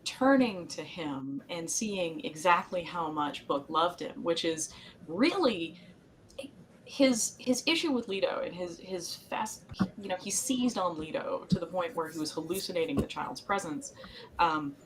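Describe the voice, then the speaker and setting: A woman's voice: lowish voice, lively intonation, measured pace, background noise. A woman co-hosting a podcast, recapping an episode in a chatty, meandering way with frequent laughs. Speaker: podcast co-host. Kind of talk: casual chat recapping a TV episode.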